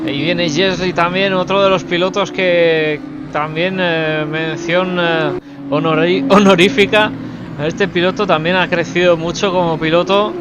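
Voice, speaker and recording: The audio is dull and loud car engines sound in the background as this sim racing commentator speaks in a high, steady voice, a little slowly. He narrates the live motorsport action and exclaims at position changes.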